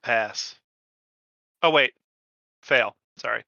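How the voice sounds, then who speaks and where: A man's voice: mid-range voice, drawn-out words, vocal fry, pushed and bright, dry recording, highs cut off. A man playing a tabletop game, joking with the group. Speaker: player. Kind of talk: casual tabletop game play.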